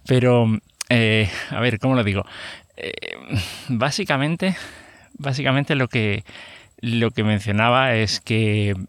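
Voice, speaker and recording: A middle-aged man with a Spain Spanish accent hosts a casual solo podcast, rambling with many hesitations and self-corrections. His mid-range, slightly bright voice moves slowly, captured in clean studio sound with no room noise.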